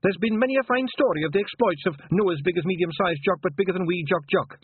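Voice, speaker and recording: A man voicing an eager young male pixie warrior with a Scottish accent, speaking in a high, earnest, dutiful way. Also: fast, slightly rough, no echo. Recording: tinny phone-like sound.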